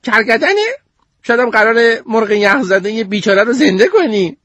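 A man's voice: high-pitched, animated, a bit bright, no room sound, pitched above the performer's own voice. A man voicing a sarcastic young schoolgirl who mocks her friend in a story. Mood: mocking. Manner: mocking, exasperated.

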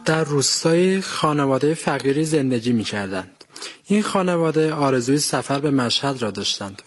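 A man reading his own short story aloud as a contest entry, plainly and evenly. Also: on the high side.

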